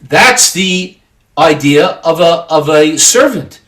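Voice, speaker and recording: A man co-hosting a Torah study discussion, explaining ideas in a measured, teacherly way. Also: fairly high pitch, expressive, a bit bright. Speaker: podcast co-host.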